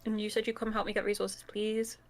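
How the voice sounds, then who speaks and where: A young woman co-hosting a casual podcast, talking fast and teasing with lots of giggles. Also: mid-range voice, flat delivery. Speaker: podcast co-host. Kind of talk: casual chat.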